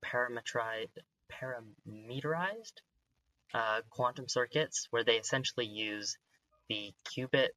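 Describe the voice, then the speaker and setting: A man's voice: medium pitch, measured pace, bright, forceful tone, poor audio. A man hosting a podcast interview, asking curious, upbeat questions with frequent hesitations. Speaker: podcast host. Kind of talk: casual interview chat.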